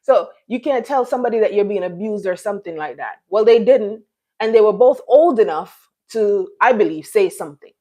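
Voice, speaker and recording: A woman's voice: medium pitch, lively intonation, brisk, dark tone. Chatty middle-aged woman from Jamaica. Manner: chatty, rambling, many restarts and fillers. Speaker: live stream host. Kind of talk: casual live chat.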